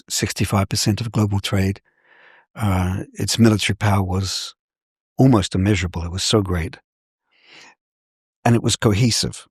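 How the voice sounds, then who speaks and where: As a scholar guest in an interview, an older man from New Zealand answers in a measured, professorial way. His low voice is gravelly, husky, and a little mellow, and the sound is dry and close with no echo.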